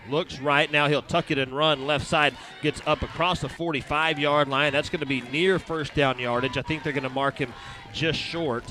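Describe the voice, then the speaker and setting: With fairly even intonation and a sharp tone, a man announces a high school football game from an outdoor stadium. He calls each snap briskly and mixes in sponsor reads.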